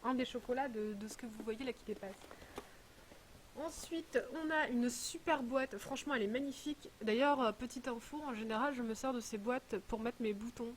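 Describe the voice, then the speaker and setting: Chatty woman with a high voice. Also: normal speed, slight background noise. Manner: chatty, rambling, full of hesitations. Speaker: vlogger unboxing a parcel. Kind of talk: casual chat.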